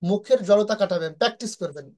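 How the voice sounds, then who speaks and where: A woman's voice: medium pitch, quick pace, dark tone. Woman teaching English. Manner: explains step by step, asks rhetorical questions, frequent "হ্যাঁ?" checks. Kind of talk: online language lesson.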